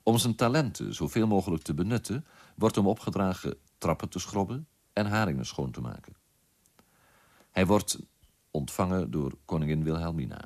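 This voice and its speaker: A man reading scripted documentary narration in a measured, formal way. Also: sits low, lively intonation, darkish tone.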